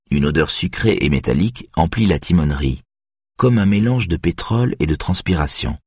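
An audiobook narrator delivers scripted thriller narration in a measured, steady way. His deep voice is slightly rough, captured in a dry recording with clean studio sound.

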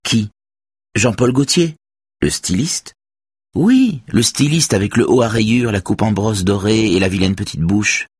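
A man's voice: lowish voice, lively intonation, a little slow, breathy edge, no echo, clean studio sound, voice pushed up. A man voicing a flamboyant, vain woman in her fifties who talks in a theatrical, gossipy way.

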